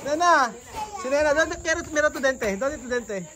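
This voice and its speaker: A man's voice: very high-pitched, expressive, moderate pace, noisy background. A man from the Philippines vlogging casually, teasing and joking with local children and mixing in simple Spanish. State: out of breath. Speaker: travel vlogger.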